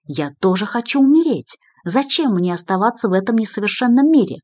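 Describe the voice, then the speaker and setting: Woman reading as a loud drunk male secretary. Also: medium pitch, lively intonation, brisk, dry recording, voice pushed up, close to an everyday voice. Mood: agitated. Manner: loud, self-pitying outbursts.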